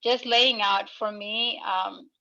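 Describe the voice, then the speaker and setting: A woman from Ethiopia, a Rotary member, earnestly explaining a project on an online club call with pauses. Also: mid-range voice, steady tone, vocal fry, sharp tone, lo-fi sound. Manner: earnest, unpolished phrasing with pauses. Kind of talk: online club meeting talk.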